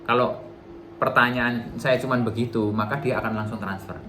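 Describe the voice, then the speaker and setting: A man's voice: mid-range voice, fairly even intonation, moderate pace, fairly bright tone, a little hiss or hum. A middle-aged man giving a relationship seminar to a live audience in a casual, chatty way, acting out little dialogues. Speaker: workshop trainer.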